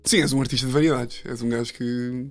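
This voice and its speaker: Brief: rapid-fire man, jokey and teasing, soft music in the background. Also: medium pitch, steady tone, gravelly. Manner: joking, teasing, fast and rambling. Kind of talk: casual chat, guessing game.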